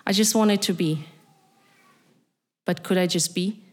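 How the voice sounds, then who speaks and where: Speaking straight to the listener, this middle-aged woman from East Berlin gives a deliberate spoken-word monologue in a German accent. Her pitch is fairly low and her tone darkish.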